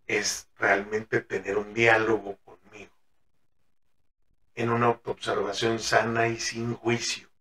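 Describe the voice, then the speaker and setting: Speaking slowly in a low, level voice that comes across pushed and bright, a man with a Mexican accent hosts a therapy podcast. He's colloquial and swears freely, acting out conversations with his patients. It's recorded with a distant mic in a roomy, echoing space.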